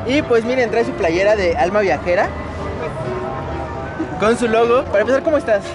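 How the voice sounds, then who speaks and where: A man's voice: high voice, animated, moderate pace. A young man from Mexico City hosting a casual street interview, filming himself at arm's length outdoors. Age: young adult. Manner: upbeat, friendly questioning. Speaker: host, vlogger. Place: outdoors at a city monument at night. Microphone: handheld camera at arm's length. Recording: loud music and crowd behind.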